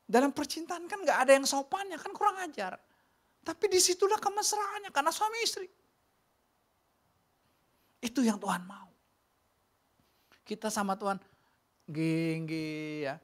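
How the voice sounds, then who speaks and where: Animated preacher. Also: male voice, sits high. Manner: animated preaching, swinging from loud calls to soft near-whispers. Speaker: pastor. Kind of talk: sermon. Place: church sanctuary.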